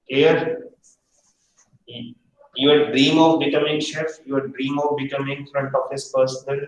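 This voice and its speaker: A man teaching a hotel management practical class, stern and repetitive, pressing students for answers. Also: medium pitch. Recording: echoey room from far off.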